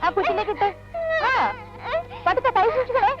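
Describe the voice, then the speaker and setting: A woman's voice: very high-pitched, steady tone, normal speed. An actress playing a kind aunt who gives a frightened girl urgent, coaxing instructions, in film dialogue. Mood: urging. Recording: dull old film sound with music.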